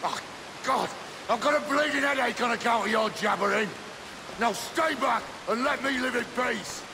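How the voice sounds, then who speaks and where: Hotheaded, high-strung gravelly pirate. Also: male voice, normal speed, background noise. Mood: enraged, bitter. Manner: hotheaded, shouting threats and curses. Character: hot-headed, half-mad marooned male pirate. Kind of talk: dramatic video game acting.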